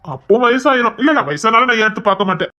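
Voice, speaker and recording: A woman's voice: a little high, expressive, very fast, bright, forceful tone. A woman voicing a proud, brusque husband in an audio drama, speaking in a grumbling, dismissive way. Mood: gruff, dismissive. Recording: dull lo-fi recording.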